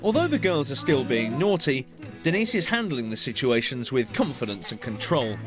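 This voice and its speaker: British male narrator, measured storytelling read, animated delivery, music bed behind. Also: medium pitch. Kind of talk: scripted documentary narration. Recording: music under the voice.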